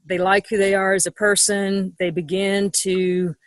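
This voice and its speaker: A woman's voice: medium pitch, flat delivery, measured pace, dry recording, rough recording. Woman, middle-aged, sex educator, frank, matter-of-fact, dry close recording. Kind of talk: interview conversation.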